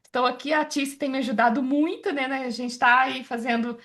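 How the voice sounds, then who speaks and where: A woman's voice: high voice, fairly even intonation, moderate pace. A woman in her forties from the interior of Goiás, chattily introducing herself on a video call and often adding "né". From interior of Goiás, Brazil. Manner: chatty, warm, religious, many fillers like "né". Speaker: workshop participant.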